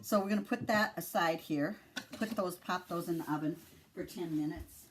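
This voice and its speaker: Chatty Midwestern mom showing a recipe. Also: female voice, on the low side, normal speed, a little hiss or hum. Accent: Upper Midwest American. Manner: chatty and laughing, explaining steps. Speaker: home cooking show host, mother. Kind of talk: casual cooking demonstration.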